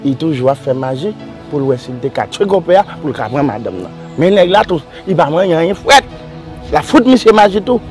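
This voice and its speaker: Male actor for a boastful miracle-worker role, high and animated, insistent, soft music bed. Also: moderate pace. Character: boastful man claiming to work miracles for pay. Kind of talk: amateur drama acting.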